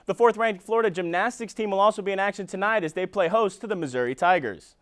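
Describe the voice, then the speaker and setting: A young man with a distinctly high voice anchors the sports segment of a local newscast. He reads from a script in a presenter's delivery. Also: fast talker, fairly bright tone.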